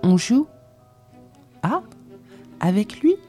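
Stout, pompous middle-aged man, voiced by a woman reader; hushed, fawning, sharp when angered. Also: mid-range voice, very animated, drawn-out words, soft background music, pitched above the performer's own voice. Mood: hushed wheedling. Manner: hushed wheedling, turning to sharp scolding.

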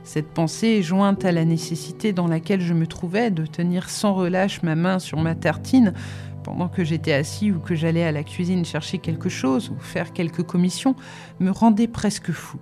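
A reader giving measured, even scripted narration of a novel in an audiobook. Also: medium pitch. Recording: faint background music.

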